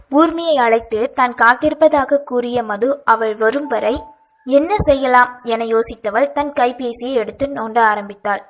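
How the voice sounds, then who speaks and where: A woman narrating an audio novel with steady, even storytelling. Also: a little high. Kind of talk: scripted narration.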